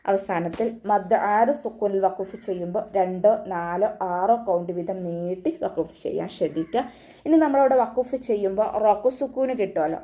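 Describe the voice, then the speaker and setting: Mellow-voiced woman teaching Quran recitation. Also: mid-range voice. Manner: patient step-by-step instruction, chanting sample verses slowly between explanations. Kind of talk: online tajweed lesson.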